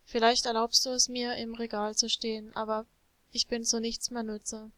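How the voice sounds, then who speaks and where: A woman's voice: a little high, steady tone, a little slow, clean tone, no room sound, lightly acted. A woman voicing a naive clay jug. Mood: tearful. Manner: pleading, tearful when broken. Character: naive little clay jug, eager and needy.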